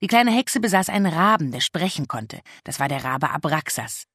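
A narrator reading a children's story aloud in a lively, expressive audiobook style. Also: mid-range voice, normal speed, breathy edge, dry recording, studio quality.

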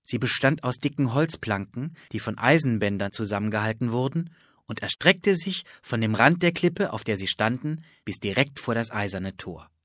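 A man reading a children's story aloud as narrator, lively and expressive. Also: mid-range voice, moderate pace, dry recording, studio quality. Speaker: audiobook narrator.

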